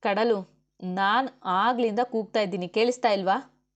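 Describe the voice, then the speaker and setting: ಮಹಿಳೆ ನಟಿಸುವ ಕೋಪಿಷ್ಠ ಅಧಿಕಾರಿ ಗಂಡ. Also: female voice, mid-range voice, unhurried, lo-fi sound, lightly acted. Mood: angry. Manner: commanding, scolding. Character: stern male officer and husband, quick-tempered. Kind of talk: audiobook character voice.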